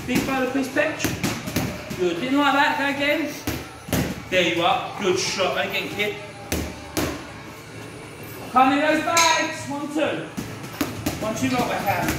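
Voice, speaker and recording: A man's voice: very high voice, expressive, slow, pauses often, background noise. Male boxing coach calling combos, echoey gym. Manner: short clipped commands, encouraging. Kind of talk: boxing coach calling punch combos during pad work. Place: indoor boxing gym, in the ring. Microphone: distant handheld camera or phone. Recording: echoey gym, distant camera mic, music. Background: music.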